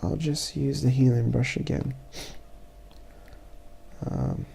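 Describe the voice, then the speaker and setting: Stuffy, gravelly-voiced man talking slowly. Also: mid-range voice, expressive, mellow, slight background noise. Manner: halting, thinking aloud while working. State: stuffy, congested. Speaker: photographer. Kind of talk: casual software tutorial voice-over.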